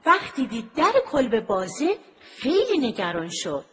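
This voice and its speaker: A woman's voice: a little high, very animated, a bit bright. A woman narrating a children's story expressively, over music.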